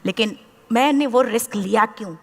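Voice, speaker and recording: A woman's voice: on the high side, moderate pace, husky. Impassioned woman speaker in a reverberant hall. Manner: impassioned storytelling, acting out quoted dialogue. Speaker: motivational speaker. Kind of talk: motivational speech to a live audience.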